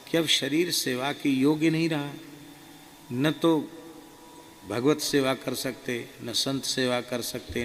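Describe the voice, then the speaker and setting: Monk narrator, gravelly, mid-pitched, earnest devotional storytelling in a reverberant hall. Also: male voice. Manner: slow, earnest and subdued. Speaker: monk telling a spiritual experience. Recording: reverberant hall, faint ambient noise.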